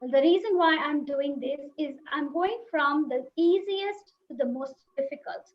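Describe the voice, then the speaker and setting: High-voiced woman teaching phonics. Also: measured pace. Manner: explanatory, demonstrates sounds aloud, asks the audience questions. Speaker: teacher trainer. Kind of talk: webinar lecture. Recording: dull lo-fi webinar audio.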